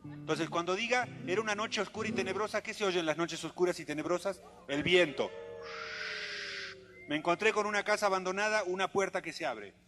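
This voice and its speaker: At a live outdoor show for children, a male singer-storyteller with a high-pitched, brisk voice leads interactive musical storytelling over acoustic guitar. He's theatrical, coaxing, and exclamatory as he entertains the kids.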